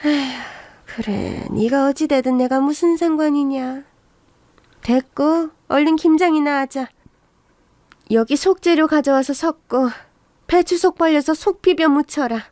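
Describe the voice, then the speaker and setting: A woman's voice: high-pitched, unhurried, a little mellow, no room sound, pitched above the performer's own voice. A woman voicing a bossy, scornful older mother-in-law who nags and scolds, as part of a radio story reading. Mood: scolding. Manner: scornful, nagging.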